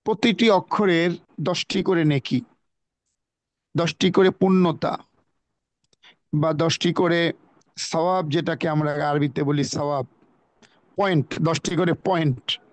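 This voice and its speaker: A man's voice: fairly high pitch, takes it slowly, long pauses, no room sound. A man teaching a religious lesson over a video call, explaining word by word, repeating key phrases and reciting Arabic. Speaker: religious study speaker. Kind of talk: religious lesson on Quran pronunciation.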